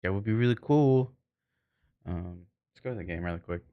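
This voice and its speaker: In lo-fi sound, a man with a voice on the low side streams a game and chats with viewers at a moderate pace. He's casual and rambling, often searching for words, and he cannot roll his R's.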